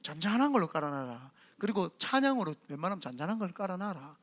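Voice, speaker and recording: A middle-aged Korean man preaches a sermon as senior pastor, telling animated stories and acting out the quoted voices himself. His voice is high-pitched and his pace quick.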